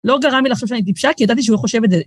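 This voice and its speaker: A woman's voice: a little high, breathy edge, no echo. Middle-aged woman, guest author on a podcast, chatty storyteller with a close, dry sound. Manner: lively storyteller, acts out quoted voices, frequent restarts. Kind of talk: casual podcast conversation.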